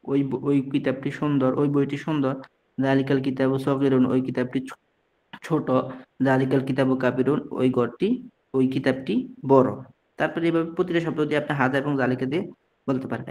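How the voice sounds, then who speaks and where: A man from Bangladesh leads an online lesson at a middle pitch. He drills short phrases one at a time, reads each one and then translates it. He often stops mid-word and starts again. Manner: frequent restarts and mid-word corrections. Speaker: Arabic teacher.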